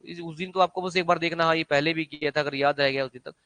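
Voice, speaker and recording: A man's voice: on the high side, fairly even intonation, fast talker, sharp tone. A man teaching an exam-prep maths lesson, constantly quizzing students with rhetorical questions.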